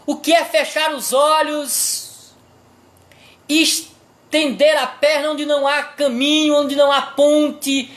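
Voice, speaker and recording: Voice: sits high, little pitch movement, slow, a bit bright. A pastor with a Brazilian accent preaching a sermon, asking the congregation rhetorical questions and pressing each point with emphasis.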